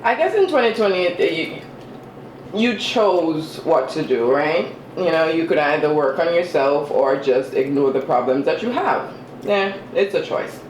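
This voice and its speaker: An unhurried vlogger chats in a self-deprecating way while eating, with chewing sounds and hums between remarks. The voice sits at a middle pitch. The recording is roomy, with faint ambient noise behind it. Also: expressive. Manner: eats while talking, with chewing and mm-hmm sounds. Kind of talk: casual eating vlog chat.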